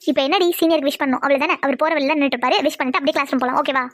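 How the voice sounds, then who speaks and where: Kani, a woman voicing a high quick college girl. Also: dry recording. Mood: lively. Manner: lively, worried, hurried. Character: cheerful young college girl, anxious for her boyfriend. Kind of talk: cartoon drama voice acting.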